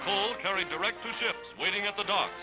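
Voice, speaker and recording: In a high, ringing voice, a man narrates an old 1940s newsreel with emphatic, declamatory announcer delivery. Loud orchestral music runs underneath, the pace is fairly quick, and the audio quality is poor.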